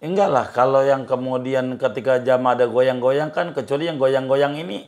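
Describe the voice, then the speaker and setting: A man's voice: medium pitch, normal speed, darkish tone. A man leads an informal religious study session. His talk is colloquial and easygoing, looping back over the same points and breaking into chuckles. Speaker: Islamic cleric answering questions.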